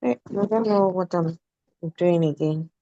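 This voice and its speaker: A woman's voice comes through a dull, lo-fi video call. She sounds dry and close, with a gravelly, mellow tone. She talks hesitantly, trips over her words and stops mid-sentence. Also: fairly low pitch, measured pace, no room sound. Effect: heard through a video call. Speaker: student in an online class. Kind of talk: casual back-and-forth during a live tutorial. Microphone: device mic on a video call.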